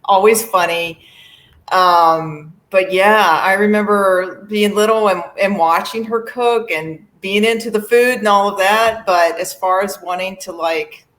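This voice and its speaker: A middle-aged woman from Virginia, a musician guest in a casual interview, friendly and quick to laugh, with many fillers. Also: mid-range voice, a bit bright.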